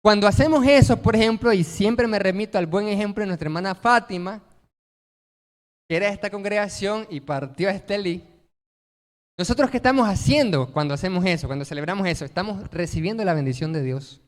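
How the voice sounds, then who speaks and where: A man's voice: high voice, brisk, big-room sound. A man preaching a sermon as pastor, emphatic, posing rhetorical questions and answering them himself.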